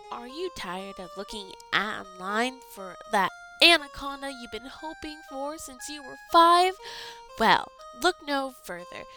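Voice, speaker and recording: A woman puts on a peppy girl pitching a product in a mock radio advert. The voice is bright and a little high, and the sales patter is slow and upbeat. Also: exaggerated voice. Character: peppy girl reading a silly ad.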